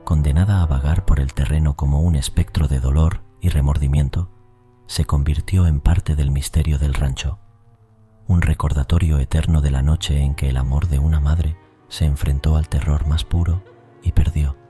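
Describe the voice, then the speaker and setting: A man narrating a scripted horror story in a solemn, ominous, measured storytelling manner. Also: very deep voice, fairly even intonation, dark tone. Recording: music bed under voice. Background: music.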